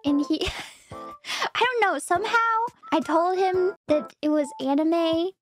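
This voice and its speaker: A woman streamer telling a story in a casual, halting way, laughing often. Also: very high-pitched, music in the background. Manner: giggly, halting, many restarts and laughs.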